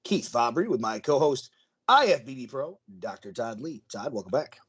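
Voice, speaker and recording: A man hosting a podcast, chatting casually and interviewing his guest with many pauses and restarts. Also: medium pitch, very animated, a bit bright, breathy edge. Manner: hesitant, many fillers. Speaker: podcast host.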